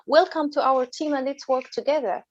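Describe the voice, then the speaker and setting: A woman's voice: high voice, normal speed, no echo, muffled recording. A woman from Morocco with a French accent, speaking as a guest on a webinar in a passionate, earnest way and often restarting her words. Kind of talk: earnest panel talk.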